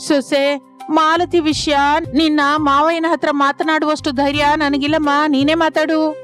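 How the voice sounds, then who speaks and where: A woman's voice: sits high, flat delivery, measured pace, a bit bright. A woman voicing a timid, kind middle-aged mother-in-law in a cartoon story, with music under the voice. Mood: hesitant.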